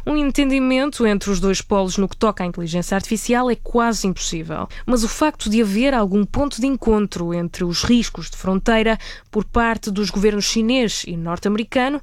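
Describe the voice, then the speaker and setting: A woman with a European Portuguese accent reading a scripted radio news report in a steady, measured way. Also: medium pitch, no echo, studio quality.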